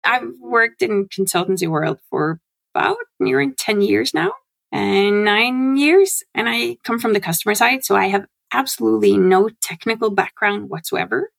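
A woman, a guest chatting in an animated way and laughing often. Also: medium pitch, moderate pace, creaky, dry recording. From Norway. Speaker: guest, CRM consultant. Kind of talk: casual interview chat. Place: home.

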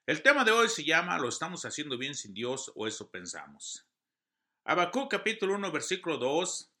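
A man's voice: a little high, sharp tone. A man giving an earnest devotional sermon, reading scripture and news with emphasis. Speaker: preacher.

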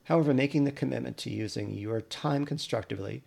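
A man coaching parents in a scripted podcast monologue, earnest and measured as he gives advice. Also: medium pitch, gravelly, a little mellow.

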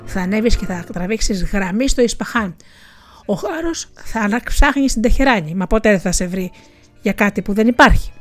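A cool-headed, stern nobleman giving orders in a storybook tale, as a woman narrator acts him out. He speaks in a measured, firm way at a middle pitch, with faint music behind. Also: lively intonation, natural voice. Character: stern, calm Persian nobleman, middle-aged man.

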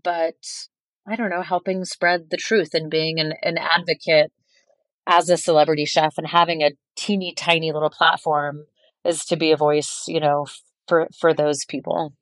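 A woman's voice: sits low, level tone, moderate pace, dry recording. A woman in her forties, a chef, speaking as a guest in a podcast interview, earnest and reflective and often restarting a phrase. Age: 40s.

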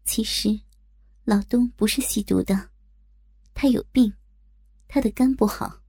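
A woman reads a first-person audiobook story with a somewhat high but dark, mellow voice. There is a gravelly, husky grain to her tone, and she tells it in a lively way, voicing the dialogue herself. The recording is dry and close. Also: unhurried, no echo.

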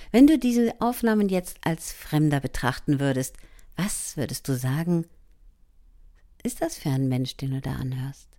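Her low-pitched voice guides a voice training session as she talks straight to the listener. The coach stays encouraging and sometimes drops into gentle asides.

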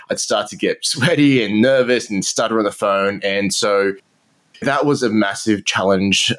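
A marketing entrepreneur in his thirties, Australian-accented, guests on a casual podcast interview and tells his story candidly, with self-deprecating humor and frequent laughs. His voice is lowish with a fairly bright tone.

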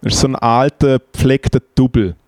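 A man's voice: mid-range voice, brisk, no room sound, studio quality. A man with a Swiss German accent, casually telling crude backstage anecdotes on a podcast. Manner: profane, animated anecdotes with quoted voices. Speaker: podcast co-host, band tour manager. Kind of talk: casual banter, storytelling.

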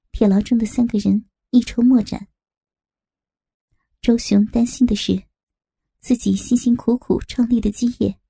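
A woman narrating a crime audiobook, telling the story in a steady, dramatic way. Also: a little high, gravelly, breathy edge.

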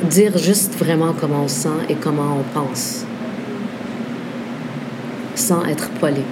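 A woman's voice: low voice, slow, very noisy. A woman with a Quebec French accent, a guest in a casual interview, talking thoughtfully with many fillers in a café. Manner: thoughtful, lively, frequent fillers. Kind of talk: casual conversation.

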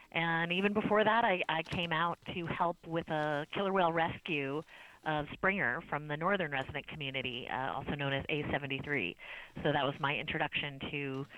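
A woman scientist answering interview questions in a clear, informative way with occasional fillers. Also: sits low, fairly bright tone, dry recording, dull audio. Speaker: marine biologist guest.

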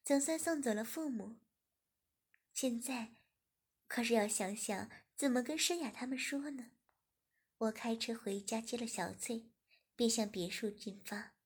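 A woman narrates a story in a steady, even reading voice. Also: on the high side, a little slow, long pauses, breathy edge. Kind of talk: scripted narration.

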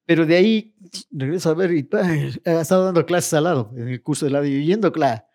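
A man's voice: a little high, fairly quick. A middle-aged man, animatedly telling stories from his school days in casual chat and acting out the scenes. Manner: animated, acts out scenes with shouts, laughter and mimicked voices.

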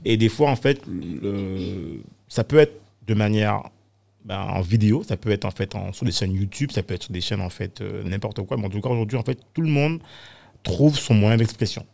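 A man chatting in a studio round-table discussion, talking in an animated way and filling his sentences with frequent fillers. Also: lowish voice, normal speed, creaky. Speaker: podcast guest. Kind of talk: casual round-table chat.

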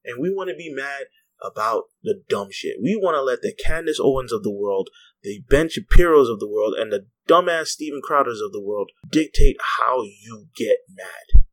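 A man's voice: mid-range voice, lively intonation, moderate pace, fairly bright tone, poor audio. A man hosting a podcast, delivering a heated, blunt political rant full of swearing and speaking straight to his listeners. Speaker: podcast host. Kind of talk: ranting political commentary.

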